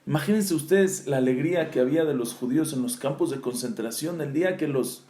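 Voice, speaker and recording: High-voiced rabbi teaching in an echoey room. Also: male voice, fairly quick. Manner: animated storytelling, reciting Hebrew verses then explaining them. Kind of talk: Torah lesson.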